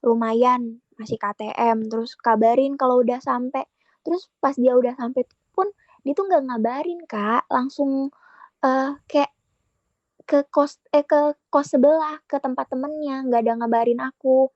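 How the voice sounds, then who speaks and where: A woman's voice: sits high, measured pace, darkish tone, no echo, highs cut off. A young woman telling a podcast host about her relationship in casual chat, retelling both sides of the conversation. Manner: chatty, retells conversations with quoted dialogue. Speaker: guest sharing a relationship story.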